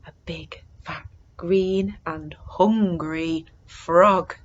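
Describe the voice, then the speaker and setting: Reading a picture book to small children, a woman shifts expressively from hushed suspense to excited exclamations. Her voice sits on the low side and moves very slowly, and the sound quality is lo-fi.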